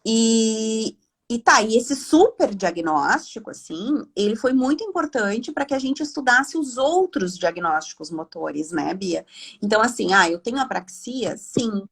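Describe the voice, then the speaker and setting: A woman, a speech therapist speaking from home on a video call in a live online talk, explaining in a chatty, animated way. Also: a little high, a little slow, gravelly, husky.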